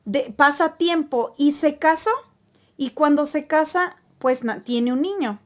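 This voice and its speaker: A woman talks casually to camera, spinning stories for her viewers. Her voice sits slightly high, and she rambles along with plenty of fillers and false starts. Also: a little slow. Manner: rambling, frequent filler words and restarts. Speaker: spiritual vlogger.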